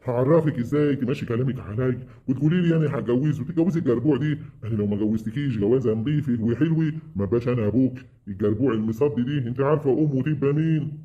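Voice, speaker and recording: A man's voice: mid-range voice, rapid-fire, lightly acted. A man voicing a stubborn rural father who barks threats. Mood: angry. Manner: shouted threats, bullying. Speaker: father of the bride. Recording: dull lo-fi recording.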